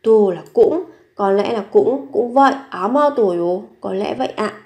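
A woman who teaches Korean phrases, repeating each one slowly and then explaining it. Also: mid-range voice, lively intonation, warm tone. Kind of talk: bilingual language lesson.

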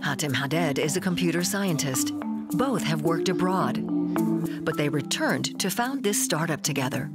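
A woman's voice: deep voice, lively intonation, moderate pace, loud music behind the voice. A woman reading scripted documentary narration.

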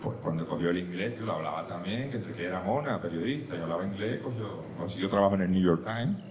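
A man performing a stand-up comedy monologue, telling a story, dropping to hushed asides and rising to loud punchlines. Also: low voice, expressive, fast talker, highs cut off, background noise. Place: comedy club stage with audience. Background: audience laughter.

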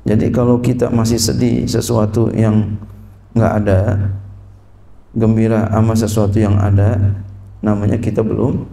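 A man's voice: on the low side, level tone, normal speed, gravelly, long pauses, mellow, reverberant. A man teaching an Islamic religious text, reading and translating Arabic lines, speaking casually and jokingly with repetitive lists and slang.

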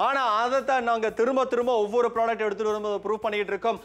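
A man with a Tamil accent presenting a teleshopping sales pitch, persuasive and full of rhetorical questions. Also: steady tone, very fast, a bit bright. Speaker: TV shopping presenter.

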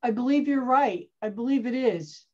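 On a video call from her home office, a parks and recreation department head responds to questions in a relaxed meeting, occasionally starting over hesitantly. She talks at normal speed with a fairly high-pitched, darkish voice, and the call audio is dull.

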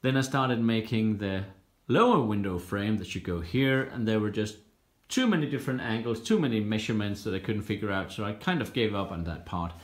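A man casually walking through his home cockpit build, explaining each step plainly with frequent "uh" pauses, filmed on a handheld phone. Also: fairly low pitch, lively intonation. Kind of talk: casual build-log walkthrough. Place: indoors in a home workshop room. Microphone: handheld phone camera. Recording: roomy echo in a bare room.

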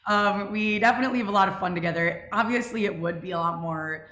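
A young woman talks fast in a mid-range, fairly bright voice, with reverberation around her. Moderating a Q&A for a student audio drama club, she keeps things casual on a group video call from home, using a video call microphone.

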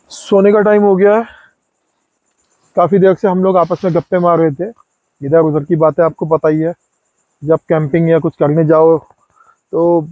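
A high-voiced man in his forties talks in a relaxed, chatty way at a riverside campsite in a forest. The sound is dry and a little dull, picked up by a phone held close. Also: dry recording. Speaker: vlogger. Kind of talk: casual camping vlog narration. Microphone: phone camera held close.

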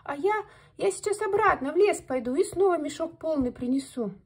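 A woman's voice: extremely high pitch, animated, brisk, pitched above the performer's own voice. A woman voicing a meek, stammering father hare in a storybook tale. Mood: timid.

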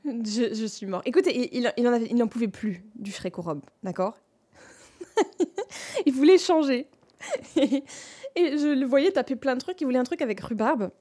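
A woman streamer chatting casually while playing a game, excitable and slangy, laughing often and thanking her chat. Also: fairly high pitch, normal speed, long pauses. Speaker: Twitch streamer. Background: faint game music.

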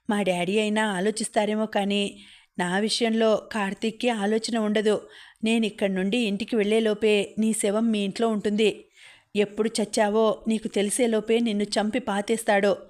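Woman reading as a feisty rich girl, scornful, cutting, storybook heroine, mid pitch. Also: darkish tone, natural voice. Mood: threatening. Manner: scornful, threatening. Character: feisty rich young woman, sharp-tongued.

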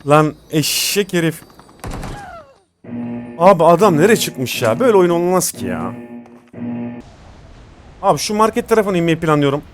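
A man's voice: a little high, sing-song, moderate pace, long pauses, soft background music. A young man giving live gameplay commentary as a gaming host, informal and slangy, talking to his viewers as friends.

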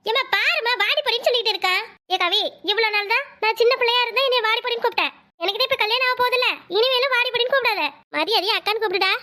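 A woman voicing a bossy young cartoon bride-to-be who whines and tattles on her brother. Her voice is extremely high and piercing. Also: bright, forceful tone. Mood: whiny, bossy. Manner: shrill, complaining and quick to tattle. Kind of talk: cartoon voice acting.

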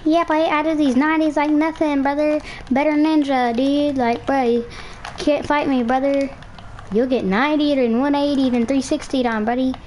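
A woman's voice: sits high, steady tone, normal speed, darkish tone, slight background noise, rough recording. A young woman streaming a game, casually commenting with playful trash talk and making silly sound-effect noises. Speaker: gamer streamer.

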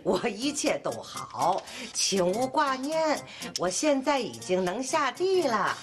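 An actress playing a feisty, jealous older wife who scolds and mocks loudly. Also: female voice, a little high, sing-song, takes it slowly. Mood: mocking. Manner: loud scolding and mocking. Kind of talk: TV sitcom acting. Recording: TV drama with background music. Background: background music.

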